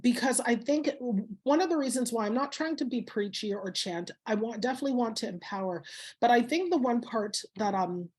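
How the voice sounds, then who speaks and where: A woman's voice: fairly high pitch, expressive, fairly quick, darkish tone, breathy edge. A woman guest speaker from Canada, talking passionately and telling stories in an interview. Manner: passionate, storytelling, motivational. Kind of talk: interview conversation.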